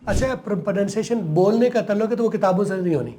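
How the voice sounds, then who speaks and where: A man's voice: high voice, warm tone. A man explaining English pronunciation as a teacher, emphatic, repeating words to demonstrate them. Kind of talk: explaining in a studio interview.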